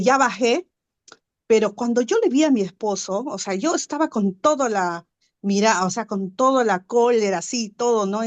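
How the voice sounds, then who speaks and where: A woman guest telling a story in casual conversation, chatty and animated, leaning on fillers and tag questions and acting out sounds. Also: fairly high pitch.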